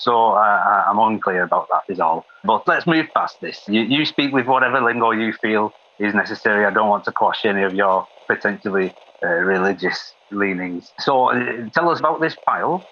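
A man's voice: lowish voice, sharp tone. A man playing a flustered, fussy man who stammers and rambles over a walkie-talkie radio, his voice heard through the radio. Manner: stammering, hesitant, wordy. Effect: muffled walkie-talkie radio sound. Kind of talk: comedy radio sketch. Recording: dull lo-fi walkie-talkie line.

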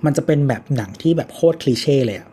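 A man chatting casually as a podcast co-host, relaxed and laid-back. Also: mid-range voice, quick pace, a little hiss or hum. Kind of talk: casual chat.

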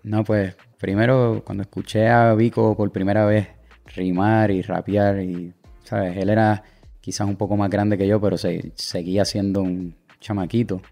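A Puerto Rican man answering interview questions in a relaxed, halting way with many fillers. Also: fairly low pitch, vocal fry, faint music behind. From Puerto Rico. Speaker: guest artist.

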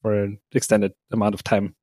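A man from Austria, appearing as a podcast guest, chats casually in a relaxed interview conversation, laughing often and using many fillers. His voice is fairly low, at normal speed, with no room sound.

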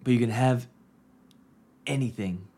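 Speaking a bit slowly, he has a medium-pitched, warm voice with a breathy edge. He's a podcast host and business coach in his thirties, giving an earnest, casual reflective monologue that repeats key phrases for emphasis.

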